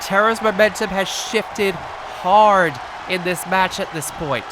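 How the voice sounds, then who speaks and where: High voiced guy calling a wrestling match, wordy excitable commentator, really loud crowd noise behind him. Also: slow pace. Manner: excitable, wordy, repeats phrases for emphasis. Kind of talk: live play-by-play wrestling commentary.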